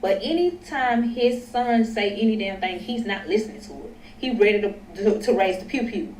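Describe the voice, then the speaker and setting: A woman's voice: mid-range voice, moderate pace, a little mellow, recorded from a distance, a little hiss or hum. Dramatic woman telling a story in a roomy space. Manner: dramatic, profane, addresses "y'all". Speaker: storyteller in a clip. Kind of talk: casual storytelling to viewers.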